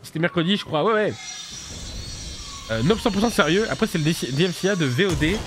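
A man streaming a video game live, chatting casually with viewers and reacting loudly as he plays, laughing often. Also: sits high, expressive, fast talker, noisy background. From France. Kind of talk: casual live gameplay commentary.

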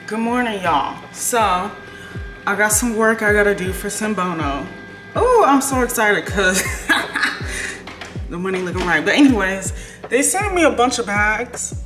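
A woman's voice: mid-range voice, expressive, normal speed, roomy sound, music in the background. A young woman, chatting casually to her viewers in a home vlog. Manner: chatty, addresses viewers as "y'all". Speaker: vlogger. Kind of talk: casual vlog chat to camera.

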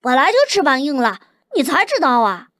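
A stubborn young crown prince, played by a woman narrator, speaks firmly and talks back. The voice is high, recorded dry and close. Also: sing-song, normal speed, fairly bright tone, no echo. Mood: defiant. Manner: firm, defiant. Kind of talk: audiobook character voice.

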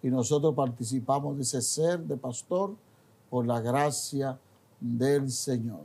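A man with a slightly husky voice speaks on a religious television program. His tone is warm and mellow, and his delivery is slow. He addresses the listener directly in a gentle, reassuring way. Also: medium pitch. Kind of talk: preaching-style reflection.

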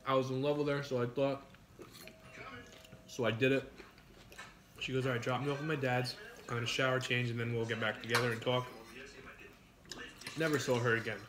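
A man's voice: mid-range voice, level tone, fairly quick, pauses often, noisy background. Crude joking man in his thirties. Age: 30s. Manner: crude, joking, reads viewer names aloud. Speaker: mukbang streamer. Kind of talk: casual live-stream chat while eating. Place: home kitchen at a dining table.

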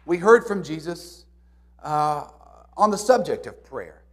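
Male pastor, high voice, earnest sermon, loud then hushed, church sanctuary. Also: sing-song, a little slow. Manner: earnest, swings from loud emphasis to soft, hushed prayer reading.

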